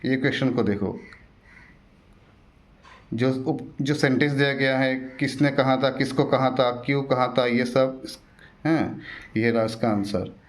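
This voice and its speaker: A man's voice: mid-range voice, a little slow, long pauses. A man teaching an exam-prep lesson in a roadside coaching centre, often repeating himself and urging viewers to stay, recorded without a microphone. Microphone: no microphone, device's built-in mic. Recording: echoey room without a microphone. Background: occasional road traffic.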